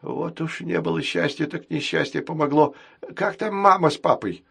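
A man reading an audiobook and voicing a gentle, worried male robot nanny who speaks softly and scolds with care. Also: on the high side, normal speed, vocal fry, breathy edge, voice pushed up, full character voice. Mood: relieved. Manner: soft, fretful, scolding with care.

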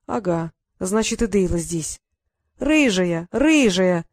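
Storybook bully brother, sing-song taunts, loud and drawn out, read by a woman. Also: medium pitch, expressive, normal speed, dry recording, clean studio sound. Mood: taunting. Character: teasing older brother, a mocking boy.

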